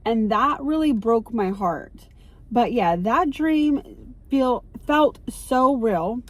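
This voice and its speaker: A middle-aged woman vlogging in casual chat from a parked car into her phone, telling stories in a chatty, excitable way. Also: on the high side, slow.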